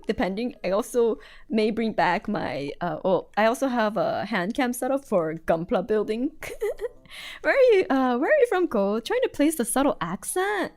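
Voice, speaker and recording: An American woman streamer chats casually on a livestream while drawing. Her medium-pitched voice is lively and giggly, and she's chatty, trailing off and starting again.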